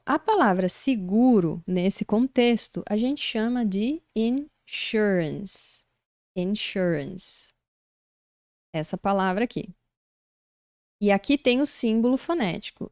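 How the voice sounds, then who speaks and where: A woman's voice: medium pitch, warm tone, no room sound, clean studio sound. A woman from Brazil teaching an online English lesson, explaining words patiently step by step.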